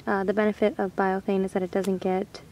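A woman's voice: medium pitch, brisk, a little hiss or hum, low-quality recording. A young woman giving a casual, chatty walkthrough vlog, recorded outdoors at a campsite on a handheld camera. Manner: relaxed, chatty. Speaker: dog owner vlogger.

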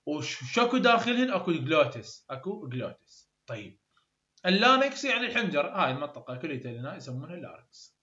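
A man's voice: on the high side, sing-song, fast, sharp tone. A man with an Iraqi Arabic accent teaching English phonetics, explaining step by step and repeating terms for learners. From Iraq. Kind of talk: recorded online lecture. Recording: echoey room, dull lo-fi sound.

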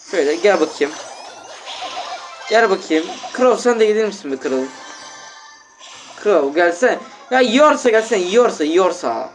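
Excitable young man commentating a game. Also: high voice. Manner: excitable, exasperated, talks straight to viewers. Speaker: gaming channel host. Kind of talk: live gameplay commentary.

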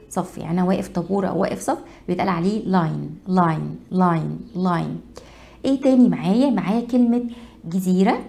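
A woman with an Egyptian Arabic accent teaching English vocabulary to beginners, repeating each word slowly several times. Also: medium pitch, dark tone.

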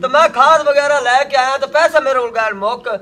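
A very high, quick man's voice with a Pakistani Punjabi accent, playing a farmer begging for a loan in a village comedy sketch. He pleads and defends himself. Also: pushed and bright. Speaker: farmer borrowing money. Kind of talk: rustic comedy sketch acting.

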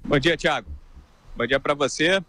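A man reports live from an outdoor city street, speaking into a handheld mic. His voice sits a little high, and he keeps the report chatty, turning to the anchor by name. Street traffic runs behind him. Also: a little slow, pushed and bright. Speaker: field reporter. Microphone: handheld mic close up.

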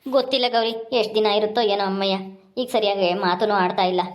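A woman playing a grieving grown son in a village family drama, speaking in a rapid, wailing lament. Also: mid-range voice, close to an everyday voice.

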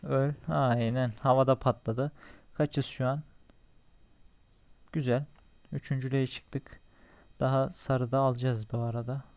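A man's voice: medium pitch, flat delivery, unhurried, pauses often, a little mellow. A young man giving casual running commentary while playing a survival game, talking to himself, joking and cursing at enemies. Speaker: gaming channel host.

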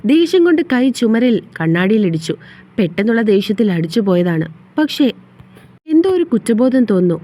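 A woman narrating a romance audio series in a steady, even storytelling manner. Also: on the high side, a little fast.

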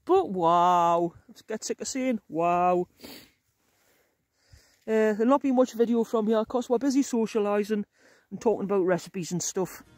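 This outdoor vlogger holds her phone camera as she records a casual camping vlog on open moorland, chatting, teasing and laughing a lot. The gruff voice is mid-range, a little mellow and moderately paced, with studio-quality sound and no echo.

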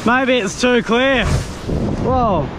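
Excitable young man outdoors by the surf. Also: extremely high pitch, extremely slow. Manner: excitable, bursts into shouts at strikes. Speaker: fishing vlogger. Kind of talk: casual solo vlog narration. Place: rocky ocean shore outdoors. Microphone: action camera at arm's length. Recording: loud surf and wind noise.

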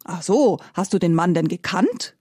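A woman voicing a sharp-tongued farmer's wife who questions and scolds. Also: fairly low pitch, animated, normal speed, dry recording, studio quality. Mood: probing.

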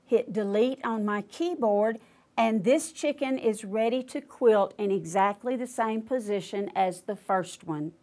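An older woman demonstrating quilting step by step, patiently explaining each click aloud in a studio. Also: a little high. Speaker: quilting instructor.

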